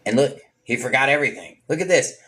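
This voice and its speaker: A man's voice: mid-range voice, quick pace. A man leading an informal Bible study sermon, talking straight to his listeners with asides and acting out what people say. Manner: casual, preachy, talks straight to listeners with asides; animated, acts out people's words in varied voices.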